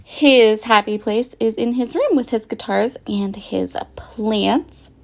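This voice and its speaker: A middle-aged woman who hosts a scrapbooking channel narrates her crafting process in a voice-over, chatting casually and laughing at herself often. Her voice is slightly froggy, a little high, slow and creaky, and her manner is chatty and self-deprecating.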